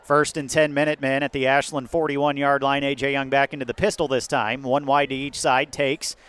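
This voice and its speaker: A man with an American accent doing live football play-by-play outdoors atop a windy press box, lifting into excitement on big plays. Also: medium pitch, brisk, smooth. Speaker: play-by-play sports announcer. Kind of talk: live American football radio-style commentary. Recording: windy outdoor stadium broadcast.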